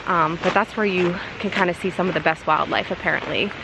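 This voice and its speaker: A woman's voice: on the low side, brisk, gravelly. A young woman vlogging her trip in an upbeat, chatty way, laughing often as she hikes outdoors. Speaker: travel vlogger. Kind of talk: casual travel vlog narration. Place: outdoors on a windy mountain trail. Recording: noisy outdoor phone recording.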